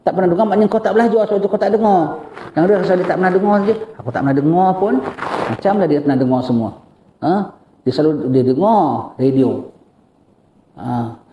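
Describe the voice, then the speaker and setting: Older malaysian guy preaching, kinda high voice, echoey room, keeps asking the crowd stuff. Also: quick pace, dull audio, slight background noise. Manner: animated, questions the audience, acts out askers. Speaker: religious teacher. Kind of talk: mosque lecture on fasting rules.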